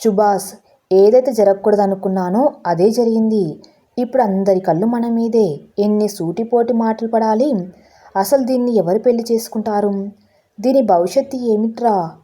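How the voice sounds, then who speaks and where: A grieving, anxious middle-aged mother, as a woman storyteller puts her on, pleading and close to tears. Her voice is very dark and mellow. Every sentence leans on worry for her child. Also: a little high, moderate pace, lightly acted.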